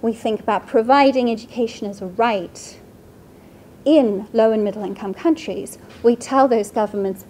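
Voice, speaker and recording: High-voiced Swedish woman giving a talk. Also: normal speed, a little mellow, slight background noise. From Sweden. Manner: conversational, frequent tag "right?". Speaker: seminar speaker. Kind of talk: academic talk with slides. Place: lecture room.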